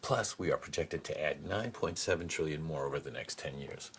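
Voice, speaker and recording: A man with a very low voice hosts a one-man political commentary podcast. He is sarcastic and profane, piling up mocking rhetorical questions. He drops to mutters, then springs up in sudden high-pitched outbursts of disbelief, with a faint hum of room noise behind him. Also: a little fast, vocal fry, a bit bright. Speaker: podcast host.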